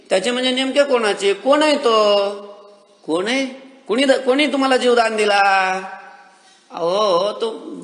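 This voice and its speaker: A man with a Marathi accent giving a devotional sermon, who keeps asking his listeners questions and answers them himself, and slows down to draw out verses. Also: high voice, fairly bright tone, roomy sound, in a large hall. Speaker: kirtan preacher.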